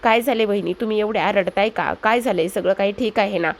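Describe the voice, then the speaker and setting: A woman voicing a gentle man calming his crying sister-in-law in a serial recap. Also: medium pitch, a little fast, lightly acted. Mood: soothing. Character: gentle brother-in-law, soothing and firm.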